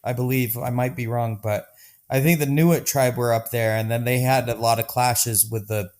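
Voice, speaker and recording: A man's voice: mid-range voice, fairly even intonation, moderate pace, a little mellow. A man from Denver, a podcast guest, talking casually and enthusiastically with many restarts. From Denver, Colorado. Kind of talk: casual conversation.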